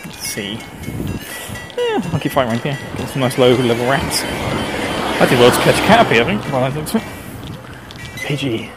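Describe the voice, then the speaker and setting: A male gaming host with a mild Essex English accent and an average-pitched voice. He rambles casually through his commentary, chatting to himself as he plays. Music runs clearly behind him. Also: wildly swooping pitch, fairly quick, long pauses, rough recording. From Essex, England. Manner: chatty, talking to himself while playing.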